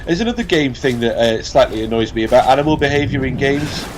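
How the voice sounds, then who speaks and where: A British man bants casually as a let's play commentator, opinionated and sweary, over video game sound in the background. He talks fast in a mid-range voice with lively intonation.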